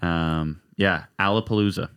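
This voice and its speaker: A man guesting on a podcast, speaking casually and pausing often as he searches for words. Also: sits low, fairly bright tone, clean tone. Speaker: guest barber. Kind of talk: casual chat.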